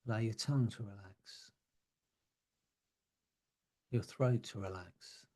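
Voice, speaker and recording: Male hypnotist, guided relaxation, husky dark voice, slow soothing delivery. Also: lowish voice. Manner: slow, soothing, drawn-out phrasing with soft trailing words.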